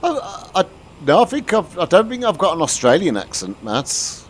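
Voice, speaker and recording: A UK man live-streams a flight simulator, chatting casually with viewers and explaining the cockpit while he flies. His voice is high-pitched and very animated at a moderate pace, with a little hiss or hum. He answers chat chattily and often restarts what he's saying.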